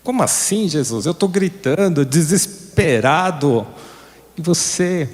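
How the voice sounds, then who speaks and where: A man preaching who voices a desperate mother pleading loudly for her daughter, in a hall with long reverb. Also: fairly high pitch, expressive, takes it slowly. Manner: pleading, raised voice. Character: desperate Canaanite mother crying for help.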